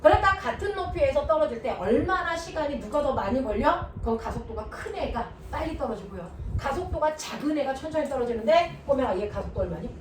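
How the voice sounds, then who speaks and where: A woman's voice: sits high, fast talker, few pauses, distant mic. A woman teaching a physics lesson who keeps quizzing her class with constant check-in questions. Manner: lively, quizzes students with constant check-ins. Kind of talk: classroom lecture. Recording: echoey room, voice from afar, noisy.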